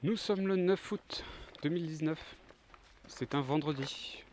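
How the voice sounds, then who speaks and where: A man from France, co-host of a travel podcast, telling travel anecdotes in a relaxed, casual chat. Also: fairly high pitch, unhurried, a little hiss or hum.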